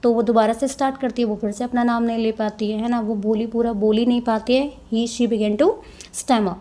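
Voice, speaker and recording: High, mellow-voiced woman teaching a textbook chapter. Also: steady tone. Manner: reads English lines slowly, then explains in Hindi-English mix; frequent tag questions. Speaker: English teacher. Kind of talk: explaining a textbook chapter, reading passages aloud.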